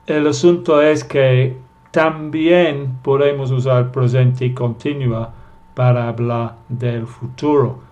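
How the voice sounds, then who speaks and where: Slow, careful male language teacher. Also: medium pitch, fairly even intonation, darkish tone. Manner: slow and careful, repeating example sentences for learners to copy. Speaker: English teacher. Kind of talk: recorded language lesson.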